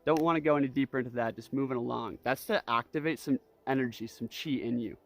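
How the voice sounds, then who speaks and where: A man with a mid-pitched voice leads a breathwork lesson. He talks casually and loosely, checking in as he goes. He gives repeated, simple cues like an informal instructor demonstrating a practice. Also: quick pace, faint music behind. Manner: easygoing, loose phrasing peppered with "you know", "like" and "right?"; guiding with repeated imperative cues.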